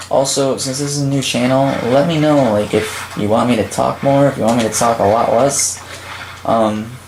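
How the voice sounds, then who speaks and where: A man's voice: mid-range voice, gravelly. Casual rambling man, roomy sound. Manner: relaxed, rambling, many "um"s and "like"s. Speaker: game creator and channel host. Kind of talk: casual gameplay walkthrough commentary. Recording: roomy with faint background noise.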